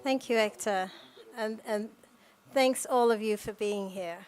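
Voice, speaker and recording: A woman moderating a panel, speaking in a measured way with occasional restarts. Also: mid-range voice, darkish tone. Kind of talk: panel discussion.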